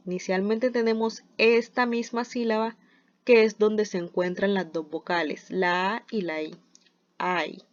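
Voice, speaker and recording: A woman teacher giving a scripted spelling lesson, explaining step by step with examples and often starting with "entonces". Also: medium pitch. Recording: dull lo-fi recording.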